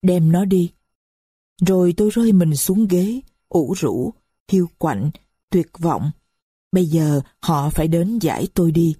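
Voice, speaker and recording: Low husky-voiced woman reading a story. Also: animated, unhurried, warm tone, dry recording, studio quality. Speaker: audiobook narrator. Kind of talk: scripted story narration in first person.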